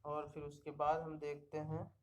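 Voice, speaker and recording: A man with a fairly high, monotone voice walks young pupils through the alphabet in an unhurried screen recording. He patiently says each word again and checks in with them after every one.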